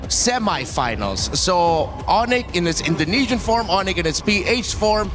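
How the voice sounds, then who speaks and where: Higher-voiced male esports analyst over music. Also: very animated, moderate pace. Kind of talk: unscripted panel analysis. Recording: clear music behind the voice.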